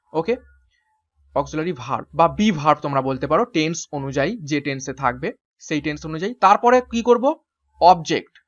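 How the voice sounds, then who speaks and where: In a lo-fi recording, an English teacher with a mid-range voice walks through an exam-prep grammar lesson step by step, posing questions and answering them. Words get spelled out letter by letter.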